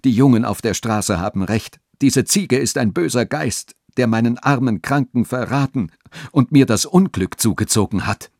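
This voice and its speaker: A man's voice: mid-range voice, normal speed, a little mellow, no echo, clean studio sound, pitched above the performer's own voice, lightly acted. A man reading a radio story, voicing a frail, pious old peasant woman who pleads and laments. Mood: agitated.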